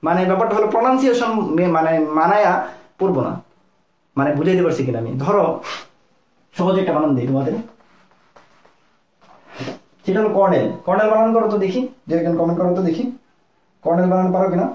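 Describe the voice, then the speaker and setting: A young man from Bangladesh giving a live online lesson as a medical admission tutor, talking fast and often checking in with his listeners. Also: high-pitched, animated, darkish tone. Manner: rapid, repetitive, keeps checking in with listeners. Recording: echoey, dull lo-fi room sound.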